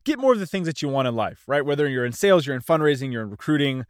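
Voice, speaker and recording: Rapid-fire and very animated, a podcast host in his thirties chats casually on his solo show in one loose, unscripted take, often at his own expense. His medium-pitched voice is smooth yet a little congested and nasal. The recording is studio quality with no room sound.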